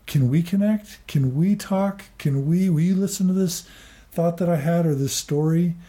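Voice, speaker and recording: A pleading wife asking again and again to be heard, as a man quotes her. Her voice rises noticeably above his own, mellow and soft-edged, with an earnest, hopeful lift. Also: on the high side, normal speed, pitched above the performer's own voice, close to an everyday voice.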